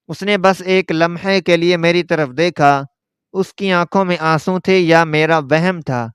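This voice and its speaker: A man's voice: on the high side, clean tone, no room sound, clean studio sound. A man giving a dramatic first-person narration of a scripted story.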